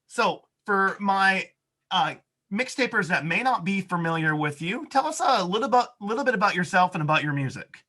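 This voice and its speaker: A man's voice: sits high, animated, moderate pace, pushed and bright. A man from Maine hosting a show, interviewing a guest in an easygoing, chatty way. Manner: easygoing, chatty, many fillers. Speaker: radio show host. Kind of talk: casual interview.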